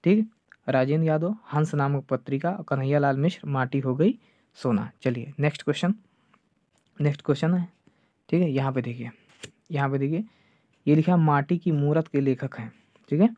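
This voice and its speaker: A male teacher giving an online exam-prep lecture, checking "clear?" over and over and slowing down to drill names. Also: a little high, warm tone, no echo. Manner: repeats "ठीक है" and "clear है" often, drills names slowly. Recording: dull lo-fi dry sound.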